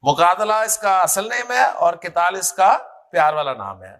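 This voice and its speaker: A man's voice: sits high, sing-song, moderate pace, fairly bright tone. A male teacher, drilling Arabic words in a classroom lesson, repeating each word and quizzing students by name.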